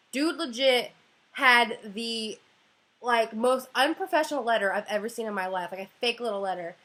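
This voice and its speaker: A young woman telling a storytime vlog about her landlord, animated, with lots of "like" fillers. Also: fairly high pitch. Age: young adult. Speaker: vlogger.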